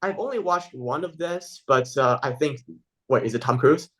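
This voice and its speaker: A man's voice: medium pitch, animated, normal speed, a bit bright, slightly rough, poor audio. Hesitant young man with a Taiwanese accent. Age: young adult. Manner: hesitant, many fillers and restarts. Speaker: interview guest. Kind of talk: casual interview answers.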